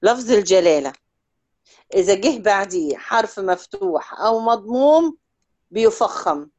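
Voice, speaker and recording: A woman with an Egyptian Arabic accent teaching Quran recitation one-on-one, stretching example words out slowly and checking in often with short questions. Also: fairly high pitch. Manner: drawls out example words slowly to demonstrate sounds. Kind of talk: one-on-one tajweed lesson.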